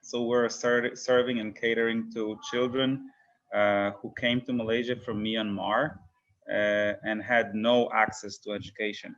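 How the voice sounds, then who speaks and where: A man's voice: lowish voice, level tone, measured pace, fairly bright tone, lo-fi sound. A man from Poland, founder of an education company, talking casually in an interview with many fillers and restarts.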